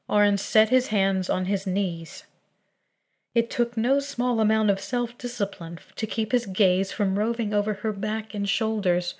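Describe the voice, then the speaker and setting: A woman reading a fan fiction story aloud. She narrates slowly, in a steady and measured way. Her voice sits at a middle pitch.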